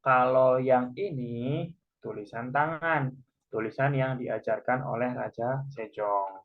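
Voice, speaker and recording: A man's voice: mid-range voice, slow. A man teaching a Korean language class online, patiently explaining each point step by step. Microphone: video call. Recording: muffled video call audio.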